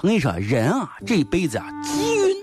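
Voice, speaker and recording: A man's voice: high voice, huge pitch swings, a little fast. Boastful Shaanxi man in a comedy sketch. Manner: boastful, exclaiming and repeating himself. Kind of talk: comic dialect sketch. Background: background music.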